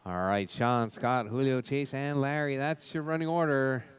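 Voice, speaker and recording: Man calling races in clear, spotter-style bursts. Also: medium pitch, steady tone, normal speed. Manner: repetitive clipped calls of running order and cautions. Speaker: race announcer. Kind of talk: live RC race commentary over PA, like a race spotter calling positions and cautions.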